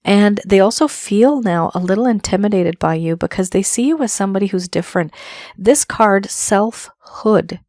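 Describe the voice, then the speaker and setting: A woman's voice: mid-range voice, normal speed, a little mellow, no room sound, studio quality. A woman giving an earnest tarot reading, her voice still worn from the flu, repeating phrases for emphasis. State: voice affected by flu. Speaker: tarot reader.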